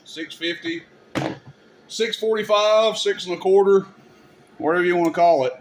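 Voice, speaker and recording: A man with a voice that sits high hosts a casual hands-on demonstration of radio gear, talking at a moderate pace in an informal, folksy, opinionated way. The audio is poor, with clear background noise and room ambience.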